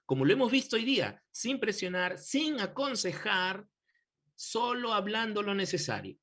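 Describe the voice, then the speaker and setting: A man teaches a church counseling class with a husky, slightly rough voice. He talks in a preacherly way, asking his students questions and calling them brothers. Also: high-pitched, very animated, moderate pace, fairly bright tone. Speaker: Bible course teacher. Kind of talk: pastoral lecture to a class.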